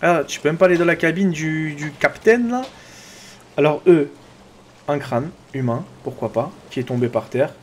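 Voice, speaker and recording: A man with a French accent doing chatty, excitable let's play commentary, talking to his viewers and to his own character. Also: fairly high pitch, moderate pace, slight background noise. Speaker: gaming YouTuber.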